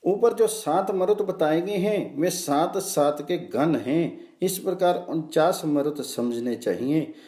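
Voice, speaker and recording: A man's voice: a little high, slow pace, few pauses, warm tone, roomy sound. A man reading the lines of the mother goddess Diti in earnest, imploring recitation. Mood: pleading. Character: devout mother goddess Diti, pleading, gentle.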